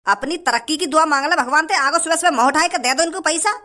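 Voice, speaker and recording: A man's voice: very high voice, fast talker, bright, forceful tone. A man voicing a rude, stingy male shopkeeper who scolds coarsely in a cartoon. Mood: scornful. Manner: coarse, scornful.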